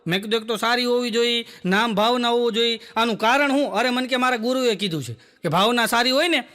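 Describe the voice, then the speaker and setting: High, bright-voiced comedian telling jokes. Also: male voice. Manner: chatty joke-telling, quick quoted dialogue. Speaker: stand-up comedian. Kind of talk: stand-up comedy storytelling. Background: audience laughter.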